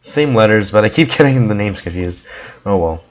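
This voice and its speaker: A man giving casual gameplay commentary with a hoarse, worn voice, coughing now and then and rambling with many fillers. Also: on the low side, expressive, fairly quick, muffled recording. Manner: rambling, with frequent ums and restarts. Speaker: gameplay video creator.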